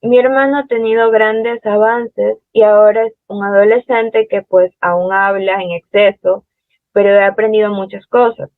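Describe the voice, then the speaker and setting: A woman's voice: medium pitch, steady tone, normal speed, no echo, phone-quality sound. A young woman earnestly giving a prepared personal account.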